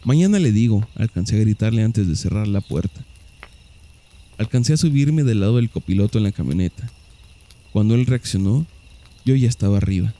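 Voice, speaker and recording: A man reading a first-person story aloud in slow, measured scripted narration. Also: lowish voice, warm tone.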